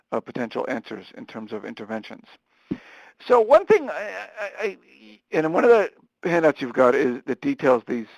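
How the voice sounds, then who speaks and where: A man giving a live webinar lecture, talking fast and animatedly with frequent restarts. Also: mid-range voice, gravelly, no room sound, muffled recording. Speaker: webinar presenter on supported employment.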